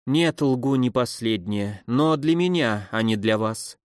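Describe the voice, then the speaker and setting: A man's voice: mid-range voice, a little slow, no room sound, close to an everyday voice. Sneering old drunk lady, a guy putting her on, mocking and bossy, dry close sound. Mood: sardonic. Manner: sneering, scolding, loudly theatrical.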